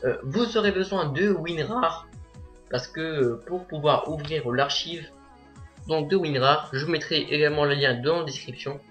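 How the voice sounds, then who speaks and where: A teenage boy narrating a software tutorial as a voice-over, hesitant and full of filler sounds. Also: a little high, normal speed, faint music behind. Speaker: tutorial maker.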